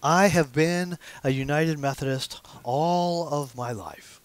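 Speaking slowly at a fairly high pitch, a pastor in his sixties gives an easygoing, conversational sermon at a small church pulpit, gesturing with his hands. The sound is dry and close, without echo, in a sanctuary with stained glass windows.

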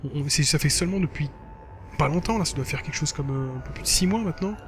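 A man chats loosely over a gaming video, often stopping to correct himself and dropping a casual swear now and then. His voice sits a bit higher than most men's. A faint hum runs underneath. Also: lively intonation, fast. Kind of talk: casual commentary while reading a blog aloud.

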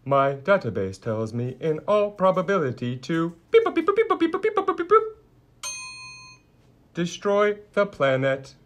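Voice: medium pitch, wildly swooping pitch, moderate pace, lo-fi sound. A voice actor playing a polite, lonely stowaway robot in a cartoon, talking in a stiff, formal robot voice. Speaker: robot character. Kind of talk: cartoon voice acting.

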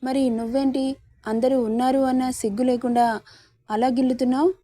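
A woman's voice: high voice, little pitch movement, a little fast, dark tone, no room sound. A woman voicing a feisty young wife. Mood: playful. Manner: feisty, playful.

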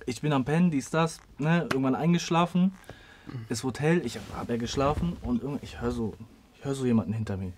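A man's voice: mid-range voice, fast. A man in a podcast studio, retelling a story in casual, slangy chat and laughing as he talks. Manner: animated retelling, slangy, laughing while talking. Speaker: podcast guest. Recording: noticeable background noise with clicks.

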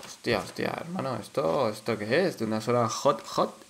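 A man with a Canary Islands Spanish accent giving casual, excitable commentary while playing a horror game, swearing and shouting at the enemies. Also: medium pitch, normal speed, vocal fry, a little hiss or hum. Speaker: let's play gamer.

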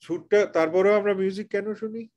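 A man's voice: sits high, fairly even intonation, fairly quick, a little mellow, muffled recording. Earnest man explaining on a video call. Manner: earnest, explaining with rhetorical questions. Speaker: teacher trainer. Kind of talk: online training session.

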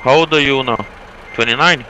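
Bright-voiced non-native man chatting haltingly. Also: mid-range voice, a little hiss or hum, rough recording. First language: not English. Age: late 20s. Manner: halting, repeats yes often. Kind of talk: casual voice chat while gaming.

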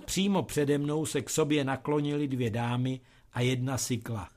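A man reading a humorous story aloud with dry, deadpan delivery. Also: medium pitch, slight background noise. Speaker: reader of humorous stories.

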